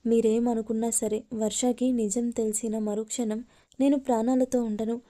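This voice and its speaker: Woman voicing stubborn desperate young woman, storybook; insistent, dark, flat. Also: on the high side, normal speed, lightly acted. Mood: defiant.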